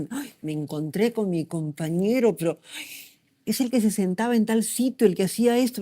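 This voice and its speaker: A woman's voice: on the low side, dark tone. A middle-aged woman gives a medical lecture, asking the class questions and checking in with them often.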